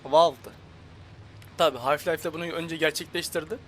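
A young man with a Turkish accent commentating his gameplay casually, joking and grumbling at the game with sudden loud outcries. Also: on the high side, steady tone, fairly quick, slight background noise. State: slight headache. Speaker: gaming YouTuber. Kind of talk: casual let's-play commentary. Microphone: headset.

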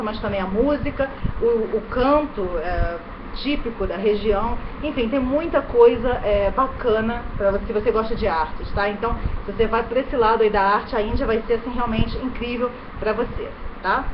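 A Brazilian woman in her thirties with a Rio de Janeiro accent vlogs to her webcam from a bedroom in India, chatting casually, gesturing with her hands, and often tagging sentences with quick questions. Her voice is on the high side, and the webcam audio is dull, with an electric fan running in the background.

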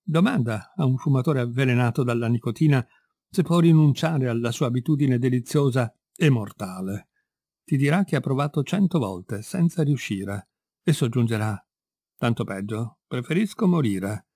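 A man's voice: mid-range voice, animated, normal speed, warm tone, dry recording, studio quality. A man reading aloud and voicing a weary middle-aged man who confides his ruinous passion in a brooding, self-pitying way. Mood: brooding confession. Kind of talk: read-aloud storytelling.

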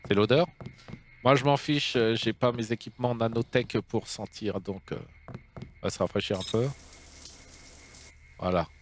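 A man's voice: medium pitch, steady tone, moderate pace, long pauses, a little hiss or hum. A man hosts a video game let's play and keeps up a casual running commentary. He jokes as he goes and reads the game's dialogue and news text aloud.

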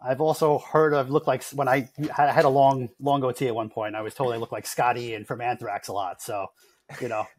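A man's voice: mid-range voice, flat delivery, a little fast, darkish tone, slight background noise. Easygoing middle-aged male podcast guest. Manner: easygoing, chuckles between remarks. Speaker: guest, music industry consultant. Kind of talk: casual podcast interview.

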